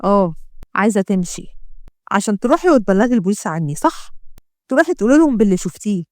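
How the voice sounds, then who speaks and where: A woman voicing a cold, threatening male mafia boss with an Egyptian accent, speaking in low, slow, taunting threats. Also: big pitch swings, dry recording, clean studio sound. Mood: menacing. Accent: Egyptian Arabic.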